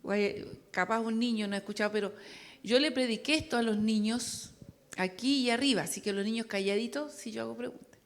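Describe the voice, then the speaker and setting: A woman's voice: a little high, a little fast. A woman preaching a sermon, chatty and joking with the congregation.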